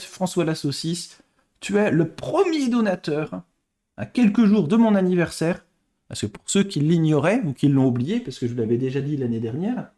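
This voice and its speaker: High-voiced man chatting on a live stream. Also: warm tone. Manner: chatty, greets and thanks viewers, thinks aloud over answers. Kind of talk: casual live-stream chat while playing quiz games.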